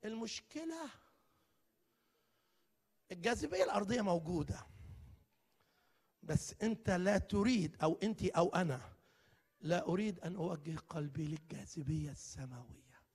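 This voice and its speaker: A man's voice: high voice, expressive, normal speed, pauses often, breathy edge. A man preaching a live church sermon, emphatic and full of rhetorical questions. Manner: emphatic, rhetorical questions, dramatic swings in loudness. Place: church hall. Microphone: live broadcast microphone. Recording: long church hall reverb.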